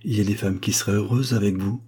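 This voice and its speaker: A man voicing a gentle, hesitant young woman in a storybook reading, speaking softly and quietly. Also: on the low side, fairly even intonation, fast, slightly rough. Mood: tender. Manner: soft, quiet delivery.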